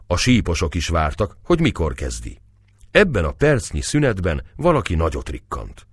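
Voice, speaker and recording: Man, deep voice, lively storytelling narration, dry studio. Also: husky, no room sound. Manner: acts out the dialogue with raised voice. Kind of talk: audiobook narration of a historical novel.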